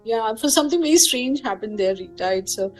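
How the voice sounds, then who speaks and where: A woman from India, speaking as a hypnotherapist guest in a casual interview and telling stories lively, acting out the people she quotes. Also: on the high side, brisk, faint music behind, rough recording. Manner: animated storyteller who acts out quoted people.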